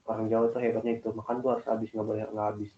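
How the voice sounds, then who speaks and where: A young man chatting casually with classmates, rambling and animated as he tells about his family. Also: fairly low pitch, racing. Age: young adult. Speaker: student in group discussion. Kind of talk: casual chat. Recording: echoey, phone-like call audio.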